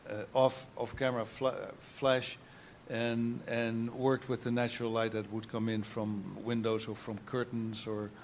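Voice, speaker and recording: An older man from the Netherlands with a Dutch accent, speaking at a panel talk in a meandering way, restarting phrases and clearing his throat. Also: medium pitch, little pitch movement, measured pace, hardly any pauses, slight background noise. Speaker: photographer, guest artist.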